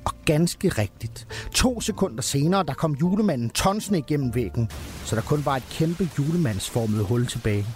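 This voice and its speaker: A man's voice: medium pitch, animated, a little mellow, soft background music. A man, a comedian, telling a comedic story and chatting about it. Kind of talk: comedic storytelling and casual chat.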